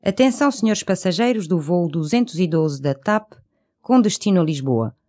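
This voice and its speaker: A woman's voice: on the low side, expressive, normal speed, darkish tone. A woman playing an airport announcer, making a formal boarding announcement with a European Portuguese accent. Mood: formal, attentive. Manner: formal, clearly projected. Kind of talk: airport announcement, formal public address delivery.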